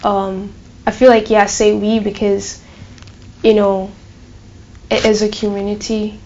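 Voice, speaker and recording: A woman in her twenties, originally from Burundi, answers interview questions as a student with a light Glaswegian Scottish accent. She's chatty and casual, peppering her speech with ums and likes, while her medium-pitched voice stays monotone, measured and dark. The audio is dull, with a little hiss or hum.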